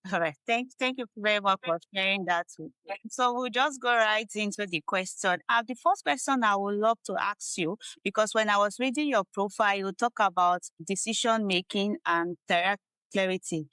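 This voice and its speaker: A woman hosts a podcast interview in a polite, formal manner. Her voice is smooth and clear at a middle pitch. The sound is dry and close to the mic. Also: moderate pace, bright, forceful tone, no echo, poor audio. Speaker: podcast host. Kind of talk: interview hosting.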